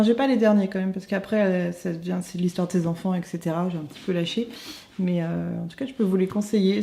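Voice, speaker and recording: A young woman talks through her bookshelf at home in a relaxed, meandering way. Her voice sits low and has a gravelly fry, and a faint noise hums behind her. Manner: chatty and slangy, meandering with many pauses. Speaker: book vlogger. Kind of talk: casual chat while arranging a bookshelf. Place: her apartment, next to a bookshelf.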